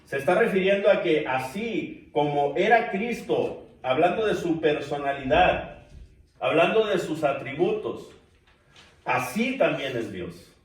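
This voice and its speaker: A man's voice: on the high side, sing-song, measured pace. A man teaching a church bible class, addressing the listeners as brothers and putting questions to the class. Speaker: preacher. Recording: distant mic in echoey church room.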